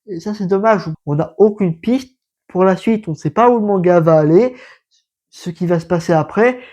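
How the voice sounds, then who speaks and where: A man's voice: sits high, moderate pace, darkish tone. Chatty French man reviewing manga. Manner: chatty and emphatic, talks straight to the viewer. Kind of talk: casual book review for social video.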